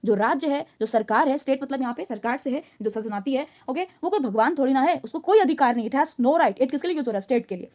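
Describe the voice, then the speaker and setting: A woman teacher with a high, light voice walks her listeners through a story one line at a time. She reads each English phrase slowly and carefully. Then she explains it in quick, chatty Hindi, firing questions at her listeners. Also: animated, a little mellow.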